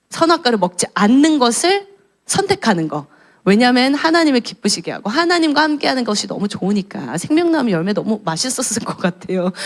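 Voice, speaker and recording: A woman in her thirties delivers a sermon in a frank, storytelling way. Her voice sits a little high and swings freely up and down, very expressive. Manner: candid, storytelling tone. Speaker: junior pastor. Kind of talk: conversational sermon.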